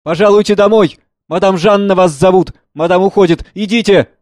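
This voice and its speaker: A man's voice: high-pitched, brisk, darkish tone, dry recording, clean studio sound, voice pushed up, natural voice. Man putting on a frightened young maid. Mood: urgent. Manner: urgent, calling out. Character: frightened young housemaid, urgent. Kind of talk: dramatic play reading.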